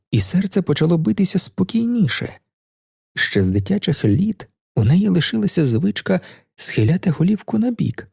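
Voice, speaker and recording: A man narrating a novel in an audiobook, measured and expressive. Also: fairly high pitch, creaky, breathy edge. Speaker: audiobook reader.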